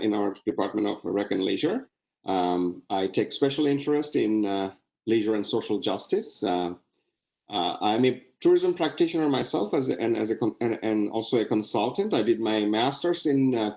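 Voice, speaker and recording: A graduate student panelist, a man, speaking in a somewhat low voice with many pauses and fillers. His audio comes through a video call that sounds dull and muffled. He talks in a plain panel self-introduction style. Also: darkish tone.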